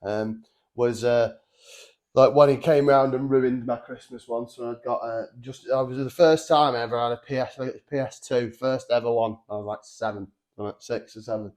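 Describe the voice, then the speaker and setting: A man's voice: mid-range voice, steady tone, moderate pace, darkish tone. A young man co-hosting a comedy podcast, swearing often, laughing and restarting his sentences. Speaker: podcast co-host. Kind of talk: casual comedy chat.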